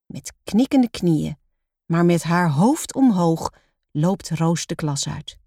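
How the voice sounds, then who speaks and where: Woman storyteller, slow and measured, low-pitched children's book reading. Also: lively intonation, warm tone, dry recording, clean studio sound.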